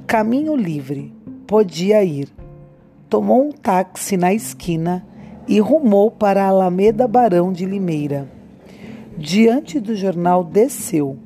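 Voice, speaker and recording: Woman audiobook narrator, dark mellow tone, unhurried reading, faint music behind. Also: mid-range voice. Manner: slow, measured storytelling. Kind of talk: scripted narration.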